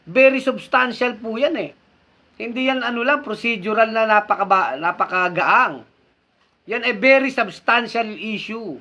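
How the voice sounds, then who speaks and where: Fiery high-voiced Filipino male commentator. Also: sharp tone. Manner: fiery, scornful and insulting, often rising to indignant emphasis; keeps addressing his audience directly with repeated rhetorical questions. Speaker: online political commentator and show host. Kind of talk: livestream commentary reading viewer comments.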